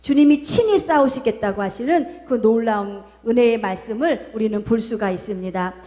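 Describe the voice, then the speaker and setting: A woman pastor delivers a Sunday sermon in a high voice. When she quotes God, her tone drops lower and slows down. Her voice rings out with a long reverb through the church sanctuary. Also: dark tone. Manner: voices God's words in lower, slower tones.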